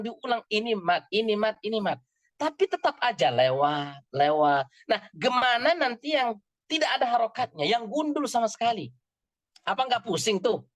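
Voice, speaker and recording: A man's voice: a little high, a bit bright, dry recording. A man teaching an Arabic class in a casual, joking way, chatting with his students and often laughing. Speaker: Arabic teacher at a study circle.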